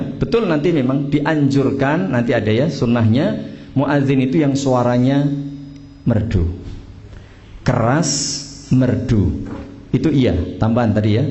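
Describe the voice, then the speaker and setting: A man's voice: medium pitch, warm tone, dull audio. A man with a Javanese accent teaching a religious class on the call to prayer, joking and teasing his students as he goes. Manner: joking, teasing, mixes local slang into teaching. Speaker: Islamic teacher training imams and muezzins. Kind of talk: casual religious class instruction.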